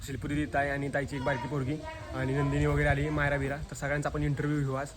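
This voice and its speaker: A man's voice: on the high side, completely flat delivery, fast talker, noisy background. A man vlogging casually at a family home, playfully coaxing the children to talk. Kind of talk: casual home vlog chat.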